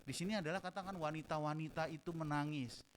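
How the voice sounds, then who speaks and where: A man preaching a sermon as pastor, animated, moving between loud emphasis and soft asides, in a church hall. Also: a little high, quick pace, slight background noise.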